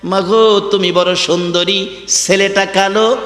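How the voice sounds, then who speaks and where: A man voicing a gentle middle-aged father who speaks softly and consolingly. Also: fairly even intonation, measured pace. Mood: tender. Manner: soft, low, consoling. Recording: echoey hall with long reverb.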